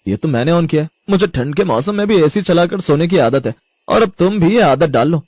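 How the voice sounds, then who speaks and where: A man's voice: a little high, lively intonation, brisk, darkish tone, dry recording. A man voicing a young husband in a cartoon story, casual and dismissive.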